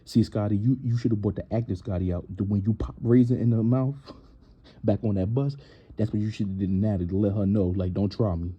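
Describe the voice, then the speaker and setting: A man's voice: lowish voice, a little fast, breathy edge, muffled recording. A man hosting a casual reality TV recap, blunt and opinionated, livening up when he quotes people.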